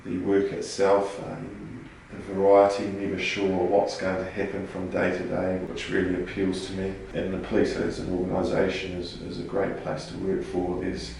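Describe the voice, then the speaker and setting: A man in his thirties with a New Zealand accent speaks in a low, flat, gravelly voice. He answers interview questions steadily with frequent ums. The recording sounds very echoey, as if the mic sits across a bare room. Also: distant mic, slight background noise. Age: 30s. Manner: measured, with frequent ums and restarts. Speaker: police sergeant.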